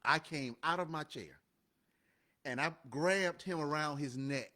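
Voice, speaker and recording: A man co-hosting a live show, telling stories in an animated, emphatic, motivational way. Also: a little high, unhurried. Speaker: co-host of a live show and podcast. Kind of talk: motivational casual talk.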